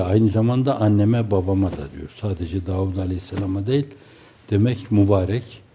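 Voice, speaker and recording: An older man giving a slow, reflective religious sermon, often trailing off into quiet asides. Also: lowish voice, slight background noise. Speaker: preacher.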